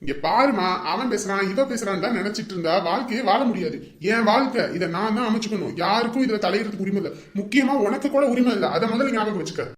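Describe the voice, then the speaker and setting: A woman playing a defiant, quick-talking son. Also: mid-range voice, animated, lightly acted. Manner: blunt, threatening, argumentative. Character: defiant young man, newly married son. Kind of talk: comedy skit acting. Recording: roomy echo.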